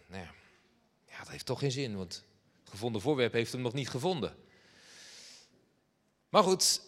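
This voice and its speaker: A man preaching, telling a personal story in a lively way and acting out the dialogue. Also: on the low side. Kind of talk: sermon anecdote. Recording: long hall reverb.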